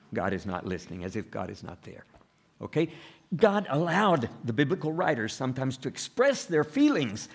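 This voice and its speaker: A man preaching a sermon, asking the listeners rhetorical questions, rising loud on quoted laments and falling soft and low in between, with small chuckles.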